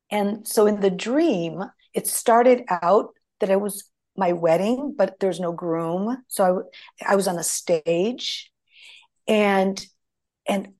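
A middle-aged woman, a guest whose first language is Greek, tells stories in a rambling, conversational way packed with restarts and fillers. Her voice is mid-range with a darkish tone.

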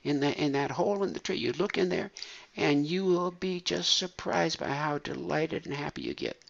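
A man's voice: on the high side, sing-song, moderate pace, creaky, pitched above the performer's own voice. A man voicing a sly, gleeful male trickster rabbit from a folk tale, coaxing and lilting. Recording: dull lo-fi recording.

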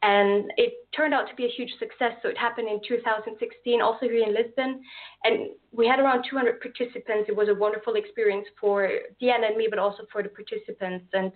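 A young woman with an Austrian accent, an event organizer, talks as a guest in a casual interview on a phone-like call. She speaks fast at a fairly high pitch with fairly even intonation, friendly and earnest, and includes some fillers and restarts.

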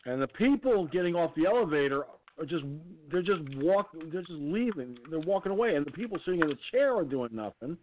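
New guy hosting a talk radio show, cusses a lot, bit high voice, tinny phone sound. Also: big pitch swings, a little fast, hardly any pauses, slight background noise. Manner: blunt, swears, indignant. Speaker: host.

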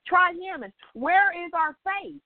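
An older woman leading an informal Bible study, a chatty, animated storyteller who acts out dialogue and keeps checking in with her listeners. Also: very high voice, unhurried, no echo. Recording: tinny phone-line audio, dry.

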